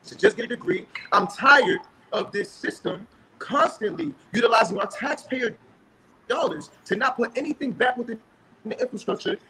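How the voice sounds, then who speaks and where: Young man on a crackling phone line. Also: high-pitched. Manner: earnest, building to forceful emphasis. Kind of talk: passionate call-in speech.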